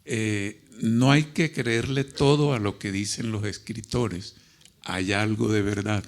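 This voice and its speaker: A man giving a thoughtful literary talk as a panelist, speaking in deliberate, learned and formal phrases. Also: fairly low pitch, fairly even intonation, slight background noise. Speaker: panelist discussing literature and language.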